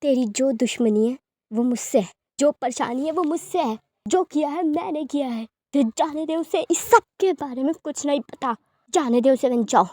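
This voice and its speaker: A woman voicing a fierce, protective young man in love who pleads earnestly and forcefully. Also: on the high side, moderate pace, dry recording, natural voice. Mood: threatening.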